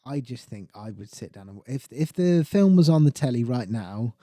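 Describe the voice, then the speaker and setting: A man co-hosting a casual film podcast who talks in a relaxed, halting way and swears now and then. His voice is very dark and mellow, at a middle pitch. The recording is dry and close. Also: no echo. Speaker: podcast co-host. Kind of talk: casual film review chat.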